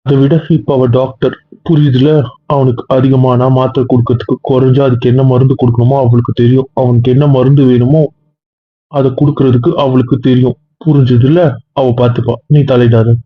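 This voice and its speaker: A man acting as a stern, lecturing young man in a homemade family drama, rattling off his words at a rapid clip. His voice is husky and dry, and the sound is thin and tinny, like a phone line. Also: mid-range voice, level tone, no echo, close to an everyday voice. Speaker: actor in a family comedy-drama skit. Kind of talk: casual web-series acting.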